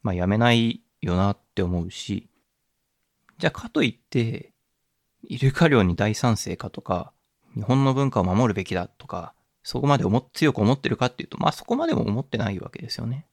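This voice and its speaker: A man's voice: mid-range voice, lively intonation, a little fast, creaky, no room sound, clean studio sound. A man hosting a solo podcast, musing in a reflective way, with many fillers and restarts. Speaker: podcast host. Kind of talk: casual solo podcast talk.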